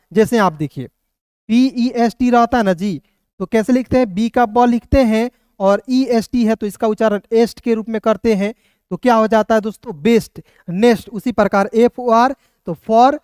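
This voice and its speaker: A man with a clear, smooth voice teaches English pronunciation step by step. He patiently repeats each question and answers it himself. The recording is close and dry, with no room sound. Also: sits high, a little mellow, no echo. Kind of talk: online phonics lesson.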